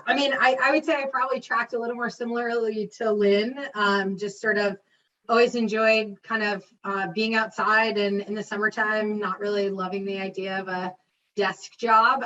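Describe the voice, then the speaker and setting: A woman coach on a panel, speaking in a quick, easygoing way. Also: mid-range voice, flat delivery, sharp tone. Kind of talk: panel discussion. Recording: distant, lo-fi sound.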